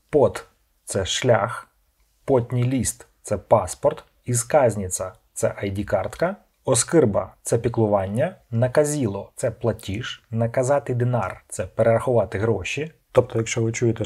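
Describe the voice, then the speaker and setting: A man with a somewhat low, husky voice reads a scripted vocabulary lesson as a voice-over. He gives each word and then its meaning in short, clipped pairs. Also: mellow. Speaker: language channel host.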